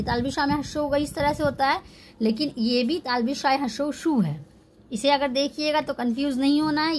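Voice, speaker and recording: A woman's voice: high-pitched, slight background noise. A woman teaching a language class, patiently spelling out words syllable by syllable and repeating each one. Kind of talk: slow spelling-out lesson.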